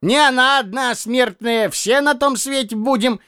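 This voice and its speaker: A man's voice: very high voice, unhurried, pushed and bright, clear, resonant tone, dry recording, studio quality, voice pushed up, exaggerated voice. A man reading an audiobook and voicing a fussy, blundering old man who stammers and corrects himself. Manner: stammering, self-correcting, cackling.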